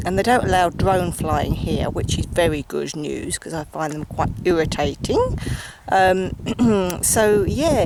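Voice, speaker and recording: Essex-accented vlogger over loud outdoor noise. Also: medium pitch. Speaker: nature vlog presenter. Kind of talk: casual outdoor nature vlog narration. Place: outdoors on an open countryside hillside. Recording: noisy outdoor recording with ambient noise.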